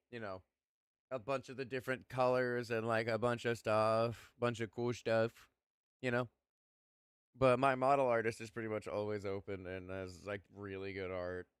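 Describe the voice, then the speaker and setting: A young man chats on stream in an easy, meandering way, dropping fillers and the occasional curse. His voice is smooth and clean, recorded close and dry with no room sound. He sits at a middle pitch. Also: a bit bright, no room sound. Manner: laid-back rambling with frequent fillers, casual swearing. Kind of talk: casual chat stream.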